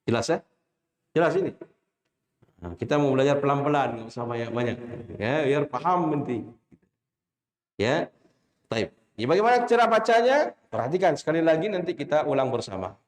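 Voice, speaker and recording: A man with an Indonesian accent teaching Quran recitation, drilling letter names slowly and quizzing his students with short questions. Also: fairly high pitch, very animated, roomy sound. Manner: chants drawn-out letter names when demonstrating. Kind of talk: classroom lesson with call-and-response recitation.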